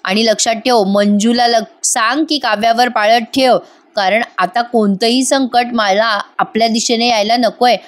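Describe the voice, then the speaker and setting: A woman's voice: a little high, fairly even intonation, measured pace, natural voice. A woman voicing a scheming older aunt who boasts about her plotting in a TV drama retelling. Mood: smug. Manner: smug, plotting.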